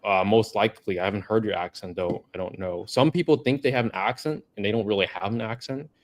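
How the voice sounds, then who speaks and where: A man's voice: on the low side, fast talker. A man hosting a casual livestream Q&A, reading viewer comments aloud in a laid-back way. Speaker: livestream host.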